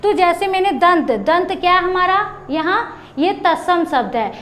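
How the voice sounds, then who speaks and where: A woman's voice: extremely high pitch, lively intonation, unhurried, fairly bright tone. A woman teacher explaining grammar for exam preparation, repeating key terms and asking and answering her own questions. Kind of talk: grammar lesson for exam prep.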